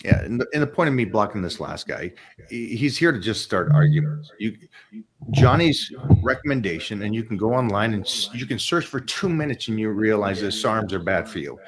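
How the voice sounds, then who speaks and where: On a studio set with a backdrop, a co-host of a live question-and-answer show talks fairly quickly into a desk mic. His lowish voice is expressive, and his style mixes teasing with motivation.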